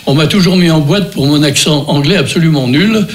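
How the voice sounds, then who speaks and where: An older man with a Beaujolais accent hosts a local radio music show. His voice sits a bit high, and he talks in a meandering way, stopping and starting again often. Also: a little fast. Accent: French from Beaujolais. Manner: rambling, hesitant, many restarts and fillers. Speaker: radio host.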